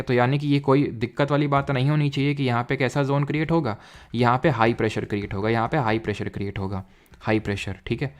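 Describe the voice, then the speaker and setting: A young man teaching a geography lecture in casual mixed with terms, who asks quick questions and drills terms by repeating them. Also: mid-range voice.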